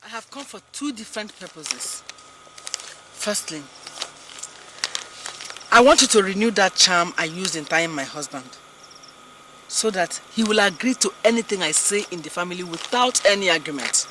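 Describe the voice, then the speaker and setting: A woman's voice: fairly low pitch, expressive, moderate pace, long pauses, background noise, lightly acted. An actress with a Nigerian accent playing a domineering, scheming churchgoing mother who presses with questions. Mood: bossy. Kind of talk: film drama acting.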